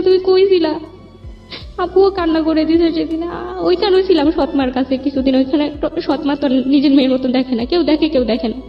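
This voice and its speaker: Here a high-pitched Bangladeshi woman shares her life story in an interview setting, rambling along in simple language and quoting conversations. Music runs in the background, and the band-limited audio sounds dull.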